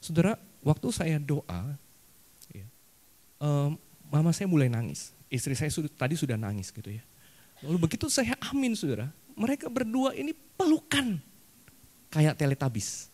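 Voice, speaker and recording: A man's voice: fairly high pitch, very animated, moderate pace, long pauses, darkish tone. A male pastor preaching a sermon and telling a personal story with humor, often addressing the congregation directly. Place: church service.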